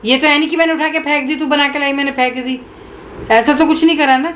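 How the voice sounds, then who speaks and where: A woman's voice: high-pitched, steady tone, fast, fairly bright tone, a little hiss or hum. A woman playing a stubborn, defensive mother-in-law who argues and talks over others in a family drama skit.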